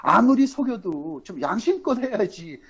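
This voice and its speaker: A man from Incheon hosting a political livestream, talking in a rambling, halting way full of fillers and emphatic rhetorical questions. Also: high voice, big pitch swings. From Incheon, South Korea. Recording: dull lo-fi audio.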